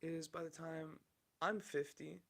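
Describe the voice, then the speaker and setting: A man's voice: on the high side, fairly even intonation, unhurried, creaky, fairly bright tone. A man in his thirties hosting a solo podcast, rambling candidly through the news and swearing casually. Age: 30s. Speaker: podcast host.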